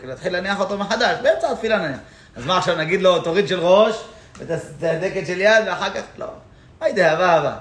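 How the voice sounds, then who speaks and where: Rabbi, male, higher pitch, lively explainer, reverberant synagogue room. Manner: explanatory, animated, laughs while telling stories. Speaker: rabbi teaching a class. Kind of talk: Torah lesson in a synagogue. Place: synagogue hall. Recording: echoey room.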